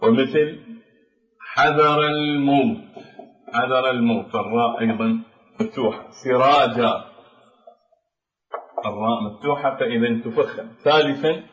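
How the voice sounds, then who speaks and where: A man teaching a tajweed lesson, explaining pronunciation rules slowly and deliberately, repeating each example word. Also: mid-range voice, fairly even intonation, recorded from a distance. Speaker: Quran recitation teacher. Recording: dull echoey room recording.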